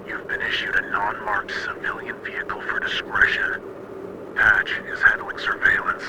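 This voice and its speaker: A man playing a stern military commander who gives clipped, formal orders over a crackling walkie-talkie radio. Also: lowish voice. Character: stern male military commander briefing a soldier. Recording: heavy radio static.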